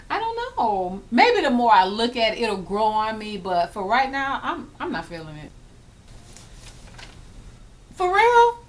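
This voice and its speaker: A woman in her thirties, a hair vlogger, chatting casually and emphatically while acting out little scenes. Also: medium pitch. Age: 30s. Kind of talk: casual chatty vlog tag.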